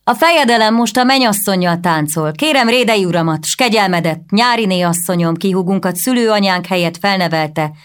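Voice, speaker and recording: A woman voicing a brash young male prince in an audiobook, calling out loud proclamations. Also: mid-range voice, lively intonation, few pauses, smooth, voice pushed up, natural voice. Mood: commanding. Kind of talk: audiobook reading.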